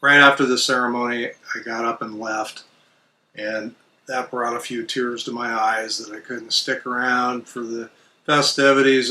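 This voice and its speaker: A middle-aged man telling a personal story as a vlogger, in a casual, plain-spoken and measured manner. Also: mid-range voice, pushed and bright, recorded from a distance, poor audio. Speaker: vlogger recounting RV life.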